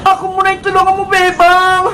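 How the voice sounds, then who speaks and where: A woman's voice: very high-pitched, completely flat delivery, a little fast, sharp tone. A woman voicing a whiny, scared young girl in a cartoon, pleading for help. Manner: whining and pleading. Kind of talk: cartoon voice acting.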